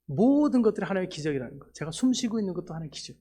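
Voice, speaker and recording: A middle-aged man preaching in a church, giving a personal testimony that moves from soft, hushed prayer to loud, almost tearful excitement. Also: high voice, very fast, slightly rough. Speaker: missionary preacher. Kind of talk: sermon testimony.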